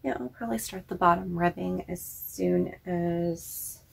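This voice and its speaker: A knitting podcast host in her thirties chats casually about her projects from a small living room, recorded on a webcam. She's self-deprecating and full of ums, her voice low, gravelly and husky, a little slow, with fairly even intonation.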